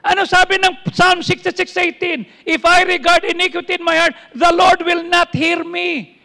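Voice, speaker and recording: A Filipino pastor preaching, with a high, bright, forceful voice. He quotes scripture and keeps turning questions back on his listeners. His voice rings out through a church hall with a long reverb. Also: flat delivery, normal speed, vocal fry. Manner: preaching in mixed Tagalog and English, quoting verses, asking the congregation questions. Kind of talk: sermon.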